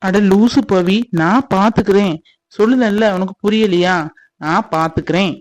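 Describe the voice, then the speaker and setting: A performer doing a steady, protective young fiancé in a cartoon. The voice sits at a middling pitch and soothes and teases by turns, recorded dry and close. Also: normal speed, no room sound, lightly acted. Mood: reassuring. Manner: soothing, teasing, steady reassurance. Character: reassuring young male fiancé, protective and calm. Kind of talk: cartoon voice acting.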